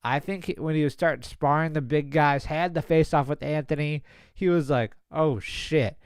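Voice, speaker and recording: Young male reaction host, casual and chatty, slightly higher voice, smooth and close to the mic with a dry sound. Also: steady tone, moderate pace, no echo. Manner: chatty, laughs easily, restarts sentences. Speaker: boxing commentator reacting to a clip.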